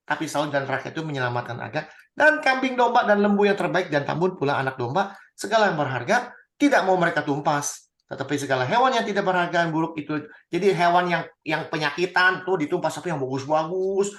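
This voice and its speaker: A man teaching a Bible study, animated, swinging between loud and hushed. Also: on the high side. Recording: roomy echo.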